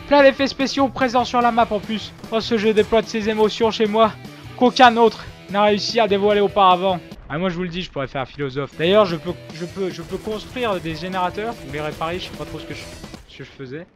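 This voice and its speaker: A man's voice: high-pitched, quick pace, soft background music. A man commenting on his own gameplay with mock-boastful, ironic self-praise. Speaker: gaming video host.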